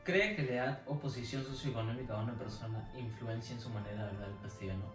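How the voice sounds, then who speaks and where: A man interviewing a guest, reading his questions briskly, as if from a script. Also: medium pitch, echoey room, recorded from a distance, soft background music.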